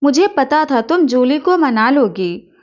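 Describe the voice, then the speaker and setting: A woman voicing a sweet, hopeful young college man who speaks gently and pleadingly. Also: sits high, sing-song, a little slow. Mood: cheerful. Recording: dull lo-fi recording.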